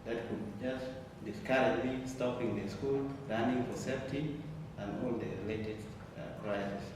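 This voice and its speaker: A young man from South Sudan telling his life story in an interview, earnest and deliberate, repeating words as he searches for them. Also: medium pitch. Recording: echoey room from far off, background noise.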